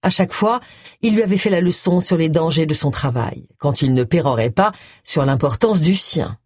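A woman narrating an audiobook in expressive storytelling style. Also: deep voice, normal speed, husky, dry recording, studio quality. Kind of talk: scripted narration.

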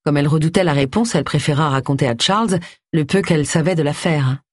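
An audiobook narrator reading a mystery novel in a measured, even storytelling voice. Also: medium pitch, dry recording, studio quality. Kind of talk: scripted narration of a cozy mystery.

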